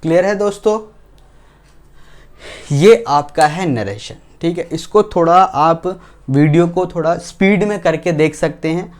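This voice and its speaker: A man teaching English grammar in an online lesson, speaking slowly and deliberately, asking questions and answering them himself. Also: fairly high pitch, darkish tone. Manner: slow, deliberate, asks and answers his own questions; spells out English example sentences word by word.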